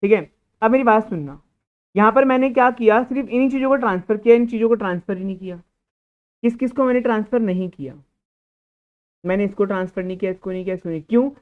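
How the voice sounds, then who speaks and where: A man's voice: high-pitched, fast, clear, resonant tone. Male teacher on a tinny recording. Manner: explains by asking and answering his own questions; scolds a student. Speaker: accounting teacher. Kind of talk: classroom lecture. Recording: tinny, phone-like lecture recording.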